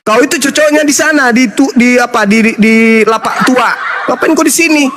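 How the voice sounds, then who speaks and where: A man hosting a live debate stream, mocking his opponent with scornful laughter and sudden loud outbursts. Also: very high voice, moderate pace, noisy background. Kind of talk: heated debate, mocking and taunting.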